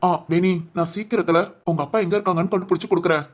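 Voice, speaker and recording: A woman voicing a caring young policeman who gently comforts a crying friend in an audio drama. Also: fairly low pitch, fairly even intonation, fast, lightly acted. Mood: comforting. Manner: gentle and reassuring.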